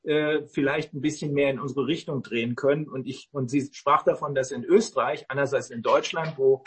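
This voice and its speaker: Husky guy rambling on a video chat, lots of ums and restarts. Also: medium pitch, fairly even intonation. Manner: rambling, halting, many fillers. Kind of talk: casual online talk.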